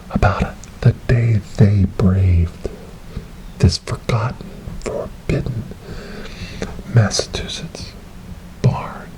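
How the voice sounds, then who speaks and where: A lowish-voiced man voices a calm government paranormal investigator for a whispered ASMR horror role-play, grave and hushed in mood. Soft and breathy, he often slips into whisper, deliberate, repetitive and hypnotic. It's a noisy close binaural recording on a close binaural mic.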